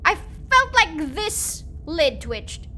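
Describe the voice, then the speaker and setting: A woman's voice: extremely high pitch, sing-song, drawn-out words, sharp tone, slight background noise. A woman live-streaming a game, reacting aloud in a theatrical, over-the-top way. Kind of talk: live reaction gameplay commentary.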